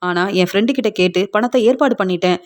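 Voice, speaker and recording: A woman's voice: medium pitch, fast. Woman retelling a serial, voicing every character. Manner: retells scenes and voices each character's lines herself. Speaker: serial recap narrator.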